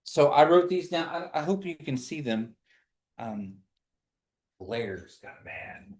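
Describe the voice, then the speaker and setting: A man's voice: a little high, very animated, slow, a little mellow. Casual male teacher in echoey room. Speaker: language teacher. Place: indoor classroom.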